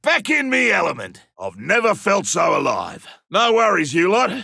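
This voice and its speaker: Griffin, gravelly old veteran monster hunter. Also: male voice, sits high, wildly swooping pitch, moderate pace, pushed and bright, no echo, clean studio sound, heavily acted. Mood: revived, cocky. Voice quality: gruff, gravelly. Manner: colloquial, wry, theatrical. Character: ageing veteran monster hunter, gruff, cocky and stubborn. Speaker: playable game character. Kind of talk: video game combat voice lines.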